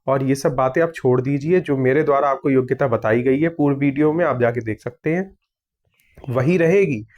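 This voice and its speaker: A man's voice: mid-range voice, fairly quick, darkish tone, muffled recording. A young man who runs an exam news channel, answering viewer comments one after another in a casual, firm way. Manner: reads comments aloud and answers firmly, with many "theek hai".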